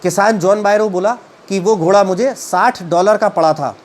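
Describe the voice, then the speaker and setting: Teaching a story, a high-pitched man reads English lines at a slow pace. His retelling and explanation come out haltingly, packed with fillers.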